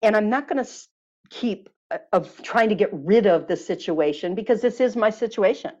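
A woman's voice: mid-range voice, normal speed. A woman telling a healing story at length, then leading a listener through a guided exercise, with lots of fillers. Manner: warm, lively storyteller, many fillers. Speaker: guest teacher on body healing. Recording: dull lo-fi sound.

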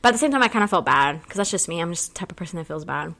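A woman's voice: on the low side, lively intonation, rapid-fire, gravelly, a bit bright. A young adult woman co-hosting a podcast, telling a personal story in a rambling, casual way full of "like". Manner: rambling storyteller, filler-heavy, says "like" constantly. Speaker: podcast co-host. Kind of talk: casual chat.

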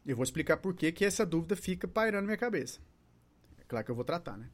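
Homem brasileiro de voz um pouco aguda, em aula informal. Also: male voice, fairly high pitch, sing-song, racing. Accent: Brazilian Portuguese. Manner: chatty, asks the audience rhetorical questions, acts out patient dialogues. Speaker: holistic therapist teaching. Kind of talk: informal video lesson to viewers.

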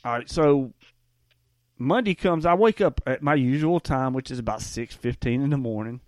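A man hosting a podcast, telling a story in a rambling, folksy, animated way. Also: mid-range voice, normal speed, no room sound, studio quality. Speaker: podcast host. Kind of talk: casual podcast chat.

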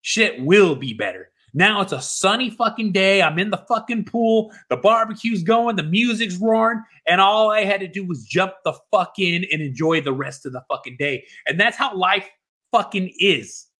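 A man with a notably high-set, husky voice delivers a motivational speech. He exhorts the listener forcefully and emphatically. His phrasing is repetitive and loaded with profanity. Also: lively intonation, normal speed. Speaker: motivational speaker.

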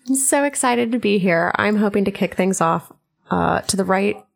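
A woman co-hosting a podcast, greeting listeners in a put-on smooth AM radio DJ voice. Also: medium pitch, normal speed. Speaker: podcast co-host. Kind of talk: casual chat.

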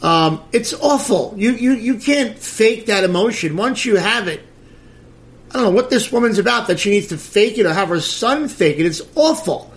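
A man's voice: high voice, lively intonation, moderate pace. A middle-aged man hosting a podcast, ranting about celebrity gossip in a crude, sarcastic way. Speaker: podcast host. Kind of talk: blunt celebrity gossip commentary.

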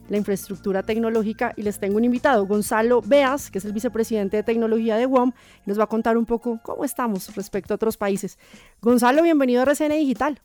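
A woman's voice: on the high side, a little mellow. A woman, hosting a radio magazine show and introducing music and guests. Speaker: radio host.

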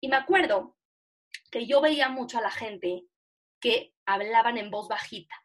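Young Mexican woman teacher, Mexican Spanish accent, high bright voice, animated and self-mocking, on a video call. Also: normal speed. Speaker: teacher leading an online class. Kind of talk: casual online lesson.

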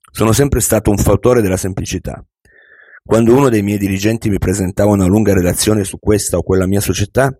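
A man's voice: lowish voice, warm tone, husky, dry recording, clean studio sound. Man voicing a patient older millionaire mentor. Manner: patient, measured, instructive. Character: wise, calm older male millionaire mentor. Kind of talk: audiobook reading.

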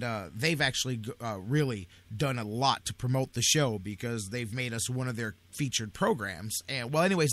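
A man hosting a sports talk show in a casual, rambling way, restarting phrases and filling pauses as he talks. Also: mid-range voice. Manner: excited and rambling, with frequent restarts and fillers.

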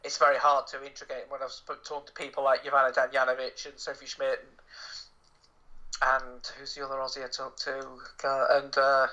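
Man co-host, bright mid voice, rambling and teasing, video-call chat. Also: mid-range voice, completely flat delivery, moderate pace, highs cut off. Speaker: podcast co-host. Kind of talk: casual chat.

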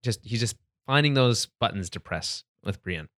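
A man's voice: on the low side, expressive, moderate pace, fairly bright tone, no room sound, clean studio sound. A man co-hosting a podcast, recapping a TV episode in casual chat and acting out the characters' lines. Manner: chatty, laughs often, acts out quotes. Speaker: podcast co-host.

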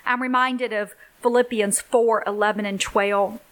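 A woman's voice: medium pitch, fairly even intonation, unhurried. A middle-aged woman hosting a faith-based podcast for single moms, telling stories in an earnest, encouraging way. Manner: warm storytelling, earnest and encouraging. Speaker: podcast host, ministry leader.

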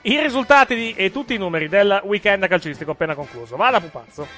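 A man's voice: sits high, animated, fast talker, sharp tone, faint music behind. A man with an Italian accent casually hosting a live football show, hesitant and improvising as he goes.

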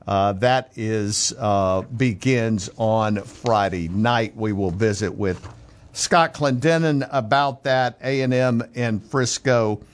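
A man's voice: fairly low pitch, takes it slowly. An American man hosting on radio, reading through a sports news update.

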